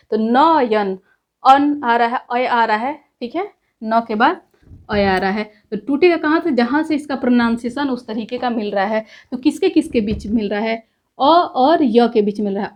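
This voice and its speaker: A woman teaching a grammar lesson, explaining step by step and checking in often with the class. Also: fairly high pitch.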